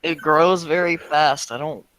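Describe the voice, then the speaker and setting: A man from Texas co-hosting a gaming podcast, with dry, crude, deadpan banter. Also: on the high side, unhurried, poor audio. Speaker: podcast co-host.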